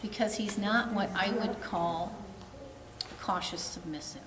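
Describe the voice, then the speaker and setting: A woman's voice: medium pitch, unhurried. A woman dog trainer coaching a client in a frank, plainspoken way. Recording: roomy, distant, noisy background.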